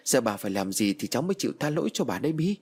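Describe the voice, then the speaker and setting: A man's voice: mid-range voice, sing-song, rapid-fire, darkish tone, breathy edge. A man voicing a remorseful grandmother pleading with her ghost grandchild in a spoken ghost story. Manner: apologetic, pleading. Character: remorseful grandmother, begging forgiveness.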